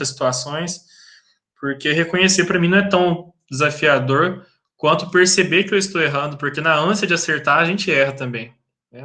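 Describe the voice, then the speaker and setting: Bright-voiced reflective Brazilian man. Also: on the high side. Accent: Brazilian Portuguese. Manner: reflective, speaks openly about his own faults. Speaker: study group participant. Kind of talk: informal spiritual study group talk.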